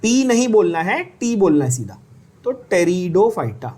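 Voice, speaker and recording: A man's voice: sits high, very animated, moderate pace, warm tone. A man teaching biology for an exam, asking questions and having students repeat terms. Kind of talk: exam-prep lecture.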